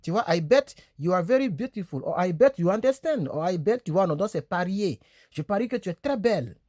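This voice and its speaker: A man giving a casual video lesson on English verbs from his bed, repeating words slowly and checking in with his viewers. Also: high-pitched, animated, darkish tone, dry recording, clean studio sound. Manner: chatty, repeats words slowly, asks "tu vois, non?". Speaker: English teacher. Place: small room, on a bed.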